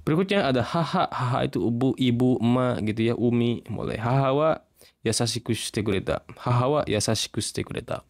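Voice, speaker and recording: A man's voice: lowish voice, no echo, clean studio sound. Chatty male tutor. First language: Indonesian. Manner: chatty, repeats example sentences, addresses viewers as minasan. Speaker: Japanese language teacher. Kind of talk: casual vocabulary lesson.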